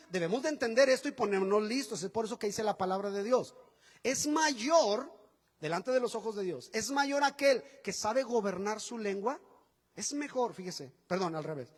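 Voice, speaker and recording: A man preaching a sermon as pastor, animated and folksy, acting out quotes with chatty asides to the congregation. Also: sits high, husky. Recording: long hall reverb.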